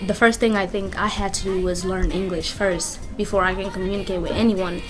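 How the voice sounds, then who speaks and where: A woman's voice: medium pitch, fairly even intonation, fairly quick. A young woman from Kenya, talking earnestly and reflectively in a casual interview at a community center. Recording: music playing under the voice.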